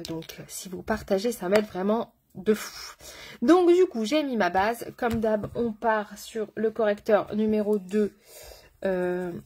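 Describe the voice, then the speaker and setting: A woman makeup artist talks through a live makeup tutorial in a slightly husky, breathy voice at a middle pitch. She is chatty and slangy, full of enthusiasm, and calls her viewers by pet names. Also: darkish tone.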